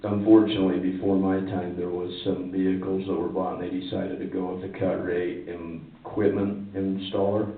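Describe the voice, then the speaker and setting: A man's voice: low voice, level tone, moderate pace, few pauses. A man, a county sheriff, explaining his budget plainly and at length at a public meeting. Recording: echoey room from far off, phone-like.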